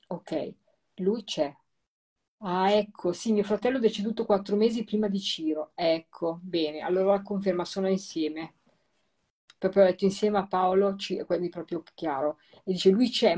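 A woman hosting a live-streamed talk, who explains replayed recordings in a repetitive, emphatic and warmly reassuring way. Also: medium pitch, husky. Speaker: host.

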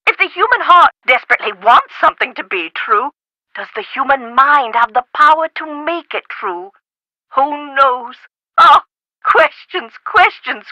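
Nutty theatrical lady professor for a game, super animated swoopy voice, dry close sound. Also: sits high, no room sound, heavily acted, low-quality recording. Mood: musing, dramatic. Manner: theatrical, grandiloquent, exclamatory. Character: eccentric, chatty woman professor, theatrical and scholarly. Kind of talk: video game voice acting.

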